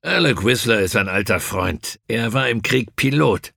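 A stiff, easily irritated senior army officer, as a male audiobook reader plays him. His speech is brisk and clipped, with a gravelly edge. The sound is close and dry. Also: medium pitch, expressive, fairly bright tone, no room sound, heavily acted. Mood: gruff.

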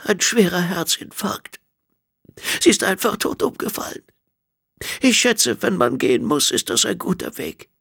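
Man doing a tearful frail old woman, raised pitch, gravelly, dry close sound, audiobook. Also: very animated, a little slow, fairly bright tone, no room sound, exaggerated voice. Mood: grieving. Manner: sad, sniffling, breaking into high tones. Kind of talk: audiobook character voice.

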